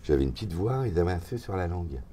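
An older voice actor in his seventies, guesting in an interview, tells stories in a relaxed way and gestures as he talks. His voice is low, slightly rough and quick-paced. A lapel mic captures him in a hotel lounge.

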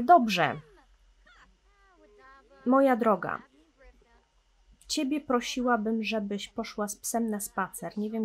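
A young woman casually commenting on a life-simulation game, chatting with viewers and talking to her characters. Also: mid-range voice. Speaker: gameplay commentator. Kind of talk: casual let's-play commentary.

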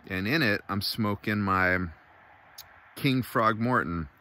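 A middle-aged man chatting casually to camera outdoors, in a laid-back, folksy way with short phrases and pauses. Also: fairly low pitch, bright, forceful tone. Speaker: vlogger. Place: outdoors by a river in a wooded valley. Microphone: phone at arm's length.

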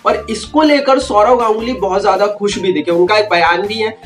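A man's voice: sits high, moderate pace, faint music behind. A young man talking energetically to the camera in a cricket news vlog, calling his viewers friends and waving his hands as he talks. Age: young adult. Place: indoor room, seated before a wooden wall.

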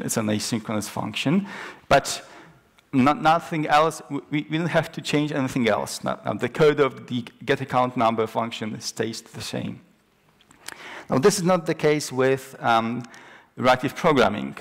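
A man's voice: medium pitch, gravelly. A young man presenting a technical talk on a large conference stage, explaining step by step with frequent ums and restarts. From Poland. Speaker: conference speaker.

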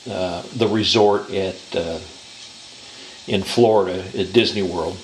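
An American man from Southern California, a model train hobbyist, gives a casual hands-on demonstration in a home dining room, explaining in an unhurried, halting way. His deep voice holds a steady tone, recorded through a handheld camera's built-in mic with noisy camcorder audio.

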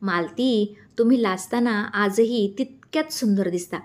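A woman's voice: medium pitch, unhurried, natural voice. A woman voicing an affectionate older husband who teases his wife in a playful, loving manner.

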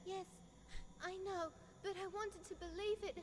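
Gentle android girl, very high voice, soft, wistful, pleading, game cutscene. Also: steady tone, normal speed, slight background noise. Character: gentle young female android, sorrowful and pleading. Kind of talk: dubbed game cutscene acting.

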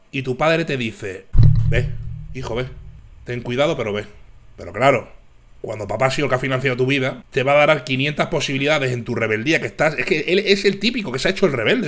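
A man hosting a reaction video, commenting on a clip in an animated, mocking way with loud sarcastic outbursts. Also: medium pitch.

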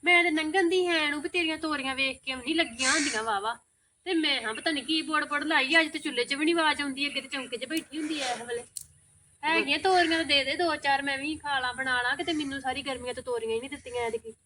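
A woman with a Punjabi accent lectures in a high, quick voice, reasoning and scolding without pause. Faint background noise sits under her lines. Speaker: actor in a village short film. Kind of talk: rural Punjabi short-film acting.

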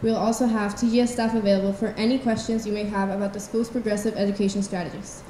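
A woman's voice: medium pitch, flat delivery, fast talker, mellow, slight background noise. A teenage girl from Venezuela co-hosting a school event, reading scripted lines into a handheld mic in a large hall. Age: teens. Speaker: student co-host. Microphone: handheld microphone.

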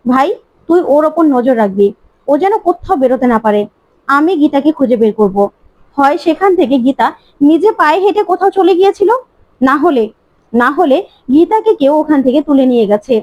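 A woman's voice: high-pitched, a little mellow, no echo. A woman voicing a scheming, obsessive young woman who keeps repeating her demands. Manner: insistent, repeating herself. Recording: slightly muffled dry recording.

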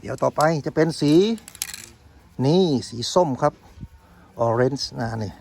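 A man's voice: fairly high pitch, lively intonation, normal speed, vocal fry. Chatty older man, noisy windy outdoors. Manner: chatty, self-mocking, tags lines with polite particles. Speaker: vlog host. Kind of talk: casual how-to commentary. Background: wind and outdoor ambience.

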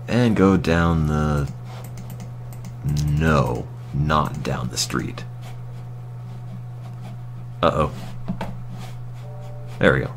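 Male streamer, dry sarcastic gameplay chat, lowish and animated. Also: slight background noise. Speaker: game streamer. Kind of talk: casual gameplay commentary.

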